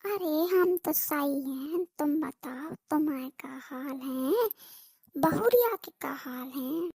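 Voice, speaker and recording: Cartoon role: chatty older auntie on a visit, high voice, by a woman. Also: lively intonation, slow pace, darkish tone, no room sound, studio quality, exaggerated voice.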